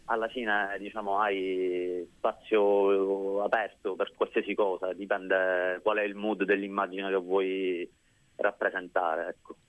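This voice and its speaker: A man's voice: low-pitched, little pitch movement, slow pace. A man with a Sicilian accent giving a casual radio interview as a musician guest, hedging often as he talks over a phone line. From Sicily, Italy. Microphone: phone call. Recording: tinny phone line, roomy.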